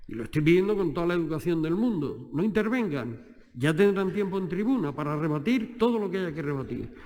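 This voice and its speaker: A man's voice: fairly high pitch, animated, brisk, darkish tone. A man chairing a regional parliament session, firmly but politely asking members not to interrupt. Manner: firm but polite, calling for order. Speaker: chamber president. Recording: long hall reverb.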